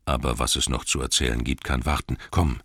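A man voicing a gruff, wise old male wizard, speaking low and slow. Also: fairly even intonation, fairly bright tone, dry recording, clean studio sound, heavily acted. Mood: grave.

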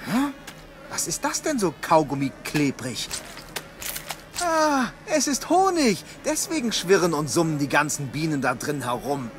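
Flustered, high-pitched bumbling sea captain. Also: male voice, big pitch swings, unhurried, fairly bright tone, slight background noise. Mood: flustered amazement. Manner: exclamatory, alliterative, flustered. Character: bumbling excitable old-fashioned sea captain. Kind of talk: children's audio drama acting. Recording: music behind the voice.

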